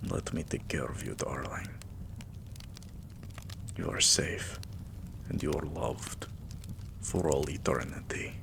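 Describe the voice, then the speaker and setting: In a romantic ASMR roleplay, a man plays a weary vampire king full of adoration, murmuring tenderly and intimately in a breathy, gravelly half-whisper. His voice is very deep and exaggerated, the mood soothing and protective, with background noise present.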